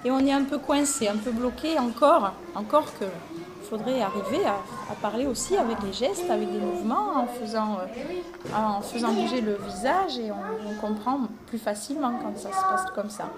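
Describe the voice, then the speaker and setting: A woman teacher patiently answering schoolchildren's questions, explaining things simply with pauses. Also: a little high, animated. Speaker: teacher running video calls with English pupils. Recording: noisy classroom with crowd chatter. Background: children chattering.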